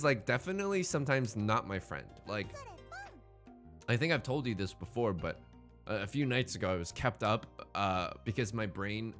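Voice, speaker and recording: A man with a medium-pitched, sharp voice hosts a gaming let's play, offering casual running commentary with joking banter. He thinks aloud in a rambling, playfully dramatic and self-deprecating way.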